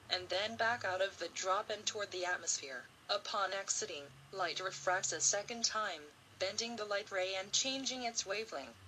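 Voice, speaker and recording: A woman playing a bright-voiced alien explainer. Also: mid-range voice, slight background noise, natural voice, rough recording. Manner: earnest, explanatory. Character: curious alien visitor explaining rainbows. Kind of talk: amateur skit narration.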